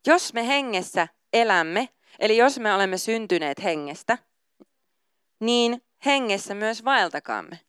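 Smooth-voiced woman pastor preaching. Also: a little high, expressive, a bit bright, no echo, studio quality. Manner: reads scripture aloud, then chats casually and informally. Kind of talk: sermon with Bible reading.

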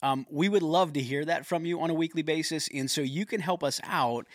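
A man's voice: fairly high pitch, a little fast, dry recording. Earnest man on a faith podcast, dry sound. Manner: earnest, quotes scripture, affirms often. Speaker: podcast co-host. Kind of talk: casual faith podcast talk.

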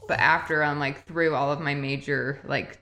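A woman's voice: low voice, fairly even intonation, moderate pace, pushed and bright. A woman co-hosting a podcast, chatting casually in an informal, wry way. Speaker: podcast co-host. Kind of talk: casual chat.

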